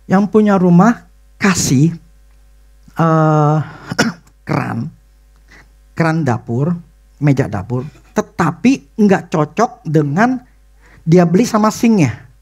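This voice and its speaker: A male pastor, preaching a sermon and telling a personal story in animated, excited bursts. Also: on the high side, takes it slowly, pauses often, husky.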